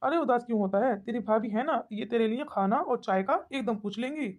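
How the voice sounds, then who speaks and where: Easygoing cartoon man, voiced by a woman with her voice dropped, casual and relaxed. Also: mid-range voice, a little fast, pitched below the performer's own voice, natural voice. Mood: comforting. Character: easygoing grown man, husband and older brother. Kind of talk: cartoon voice acting.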